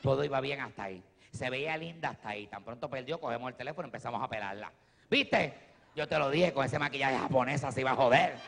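A man with a Puerto Rican Spanish accent doing stand-up comedy in a theater, animated and shifting between low asides and loud bursts. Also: fast, vocal fry. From Puerto Rico. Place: theater stage. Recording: live theater with long hall reverb.

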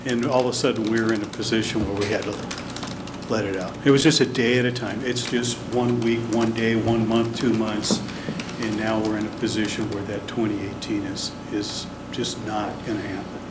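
An elected transit board director, an older man, presents at a public council meeting from a podium in a big chamber, sounding earnest and on the defensive. He speaks at a moderate pace in a lowish, level voice, captured by the podium mic in a noisy room.

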